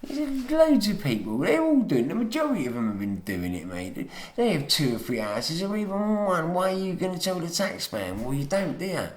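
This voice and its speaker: A man's voice: fairly high pitch, very animated, normal speed, hardly any pauses. British man rambling into a roomy dictaphone. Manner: matey, opinionated, unscripted. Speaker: solo recorder of a spoken commentary. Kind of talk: rambling informal monologue. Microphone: handheld dictaphone. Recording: roomy dictaphone recording with faint noise.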